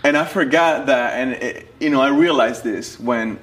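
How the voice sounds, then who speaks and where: A man's voice: medium pitch, moderate pace, fairly bright tone. Cuban-accented man, emphatic and slangy. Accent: Cuban American, from Miami. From Miami. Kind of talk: casual chat.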